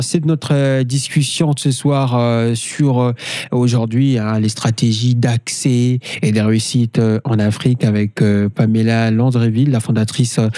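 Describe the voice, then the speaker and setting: A man hosting a radio interview, asking questions in a halting way with many hesitations. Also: mid-range voice, warm tone, dry recording. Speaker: radio host.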